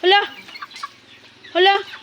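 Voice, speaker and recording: A woman vlogging playfully in her backyard, mixing English and Tagalog and calling to her chickens in high clucking cries. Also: slow pace, dull audio, noisy background. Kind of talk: casual vlog. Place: backyard chicken coop, outdoors. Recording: outdoors with roosters and clucking hens.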